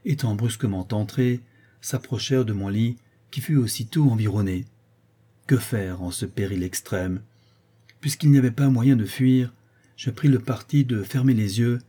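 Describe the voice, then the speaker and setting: A man narrating a classic novel as an audiobook, in a measured, expressive storytelling manner. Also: mid-range voice, breathy edge. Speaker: audiobook reader.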